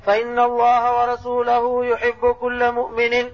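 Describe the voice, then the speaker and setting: A man reading the text aloud for a lesson in a very high voice. He recites it steadily and keeps his pitch flat. The sound comes from a muffled old tape. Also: moderate pace. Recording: dull lo-fi old tape recording.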